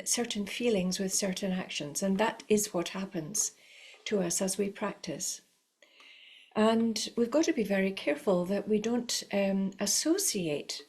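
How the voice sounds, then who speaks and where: A middle-aged woman violin teacher giving a spoken lesson, talking in a calm, encouraging and unhurried way with frequent fillers. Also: mid-range voice.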